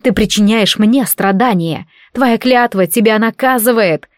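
A woman's voice: on the high side, unhurried, no room sound, clean studio sound, natural voice. A proud, mocking goddess, as a woman reads her. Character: fiery red-haired goddess, proud and mocking. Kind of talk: audiobook narration.

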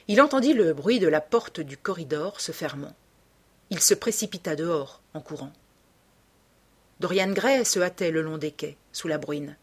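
A woman narrating a classic novel as an audiobook in a slow, measured way. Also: lowish voice, slightly rough.

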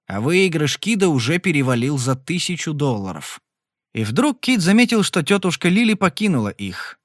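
A man's voice: on the high side, no echo, clean studio sound. Male narrator reading a Western. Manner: steady, measured storytelling. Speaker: audiobook narrator. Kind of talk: scripted audiobook narration.

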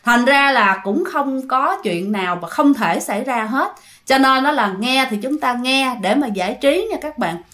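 Woman storyteller for a ghost story channel, high voice, chatty with listeners. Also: animated, moderate pace, a bit bright. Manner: chatty, often addresses listeners directly.

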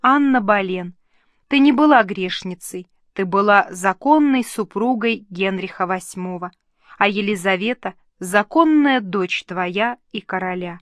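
A woman's voice: mid-range voice, measured pace, no room sound, natural voice. A woman voicing an earnest, emotional young princess who speaks in fervent exclamations in an audiobook reading. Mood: overjoyed.

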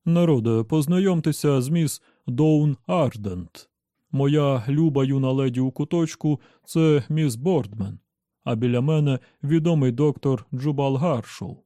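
Guy doing a jolly slick bishop, preachy and hearty, soft mellow voice, dry. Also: medium pitch, unhurried, dry recording, close to an everyday voice. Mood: smooth. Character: jovial smooth-talking middle-aged male bishop.

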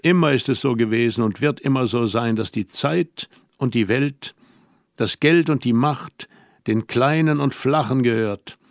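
A man's voice: medium pitch, no echo, studio quality, close to an everyday voice. A man reading as a wise, melancholy young woman. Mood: earnest. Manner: measured, reflective, slow emphatic pauses. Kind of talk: audiobook reading.

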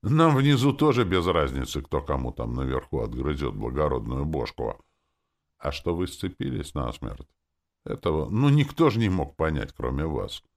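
A man's voice: rumbling low, big pitch swings, normal speed, heavily acted. A man reading an audiobook, voicing an emotional teenage girl who pleads and accuses sharply. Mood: angry. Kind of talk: audiobook character voice.

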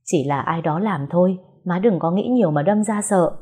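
A woman's voice: fairly low pitch, normal speed, dark tone, husky. A woman voicing a commanding young master, the son of a rich house.

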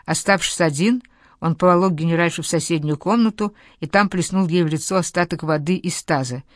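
A woman reading an audiobook narration in an even, measured way. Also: lowish voice, no room sound, clean studio sound. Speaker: audiobook reader.

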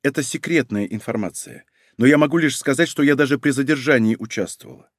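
A man reading aloud, voicing a forceful young female agent who speaks sharply and insistently. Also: mid-range voice, quick pace, no echo, studio quality, close to an everyday voice.

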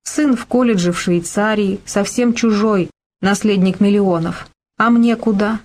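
Brief: woman narrator doing a sighing, self-pitying fallen rich lady, middle-aged, mid-pitched. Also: unhurried, a little mellow, close to an everyday voice. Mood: despairing. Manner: sighing, plaintive, lamenting. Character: sad wealthy middle-aged wife, dethroned and self-pitying.

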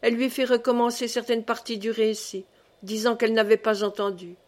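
A woman reads a classic novel aloud as audiobook narration. Her voice sits somewhat high, and she keeps a measured, even reading pace. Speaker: audiobook reader.

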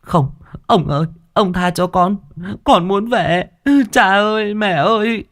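A man voicing frightened young children who plead to be set free, raising his voice high and making it tearful. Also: slow pace, fairly bright tone, heavily acted. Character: terrified young children begging for mercy.

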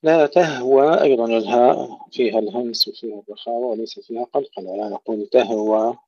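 Man teaching recitation, dark and husky. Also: mid-range voice, fairly even intonation, no room sound. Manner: recites a phrase, then explains the pronunciation slowly. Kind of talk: tajweed lesson with recited examples. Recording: dull lo-fi recording.

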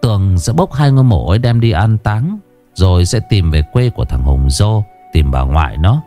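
A man's voice: lowish voice, normal speed, faint music behind. A man narrating a crime story in a dramatic, scripted way. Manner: expressive, dramatic.

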